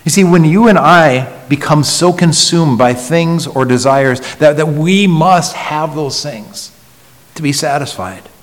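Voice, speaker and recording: A male pastor delivers a slow, deliberate sermon in a somewhat high voice. He leans hard on key words, then drops to a near-whisper, circling back over his phrases. His voice rings with a long reverb, as if recorded in a church sanctuary. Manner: earnest, swings from loud emphasis to hushed near-whisper; repeats words in restarts.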